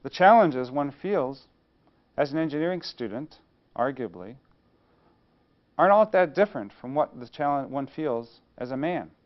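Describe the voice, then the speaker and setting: A man's voice: medium pitch, lively intonation, normal speed. Guy lecturing a class, keeps asking questions then answering them, kinda dull lo-fi recording. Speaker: engineering studies lecturer. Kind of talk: university lecture.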